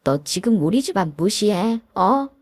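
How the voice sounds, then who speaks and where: A woman's voice: mid-range voice, big pitch swings, a little slow, a little mellow, no echo. A woman voicing a spiteful, arrogant young sister-in-law who sneers and talks down to others. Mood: sneering. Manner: sneering, condescending.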